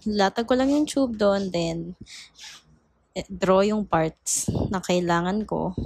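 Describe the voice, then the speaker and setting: Tutorial voice-over: young Filipino woman, mid-pitched, casual, dry close-mic sound. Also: darkish tone, no room sound. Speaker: vlogger giving a tutorial. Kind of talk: casual step-by-step voice-over mixing Tagalog and English.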